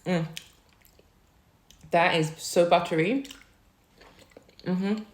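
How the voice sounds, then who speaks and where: A food vlogger, a young woman from Wales with Chinese as her first language, chats about herself while eating, softly humming between comments as she tastes. Her fairly low voice moves extremely slowly, and the recording is reverberant.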